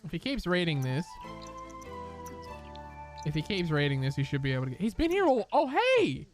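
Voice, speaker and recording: A man's voice: high-pitched, big pitch swings, moderate pace, faint music behind. A man giving casual live-stream commentary while playing a game, chatty and upbeat, talking to his chat and to the characters.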